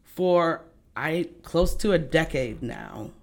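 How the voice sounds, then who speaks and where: A woman's voice: low voice, animated, takes it slowly. A woman hosting a casual conversation, reflective and emphatic, asking rhetorical questions. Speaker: host.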